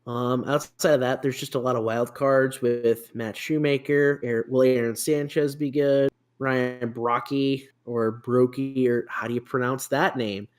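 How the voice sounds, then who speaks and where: A man's voice: mid-range voice, fairly even intonation, measured pace, few pauses. Rambling man on a casual podcast. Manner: rambling, stumbling restarts and fillers. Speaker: podcast host. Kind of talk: casual sports podcast chat.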